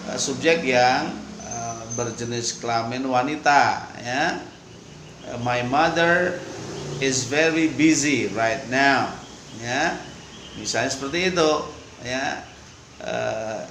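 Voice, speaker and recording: A man teaching an English lesson, slow and patient, repeating each sentence for learners. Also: mid-range voice, vocal fry, fairly bright tone, slight background noise. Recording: echoey room, faint ambience.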